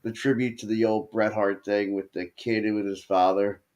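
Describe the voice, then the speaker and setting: Guy co-hosting a wrestling podcast, slightly low voice, rambles through match recaps with lots of ums. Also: moderate pace. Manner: animated storytelling with frequent fillers and restarts. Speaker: podcast co-host. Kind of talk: casual wrestling chat.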